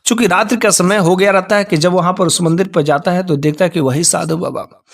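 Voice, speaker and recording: A man narrating a devotional story, acting out the characters' voices in animated fashion. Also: high voice, brisk, recorded from a distance.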